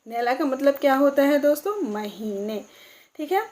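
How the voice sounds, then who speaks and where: A woman teaching a beginner language lesson, asking her viewers questions and slowly repeating each answer. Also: high voice, darkish tone.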